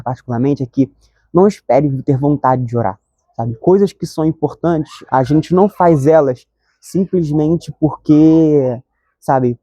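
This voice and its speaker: A man's voice: fairly high pitch, dark tone, breathy edge, no echo, studio quality. A man, giving an earnest, conversational devotional reflection and often asking "sabe?". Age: 20s. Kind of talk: reflective devotional talk to camera.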